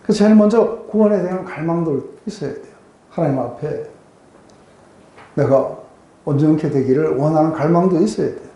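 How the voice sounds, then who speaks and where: This pastor's voice is fairly high yet very dark and soft-edged, with the highs cut off in an echoey room at a weeknight Bible study. He moves at a moderate pace through an expository, conversational sermon, posing rhetorical questions and repeatedly making sure everyone understands.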